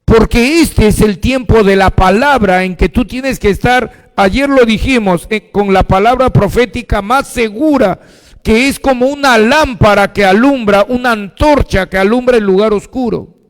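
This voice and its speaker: A male pastor delivers a sermon in a voice that sits high for a man. He keeps throwing questions at his congregation and answering them himself. His words trail off into a long reverberant echo. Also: moderate pace. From Peru.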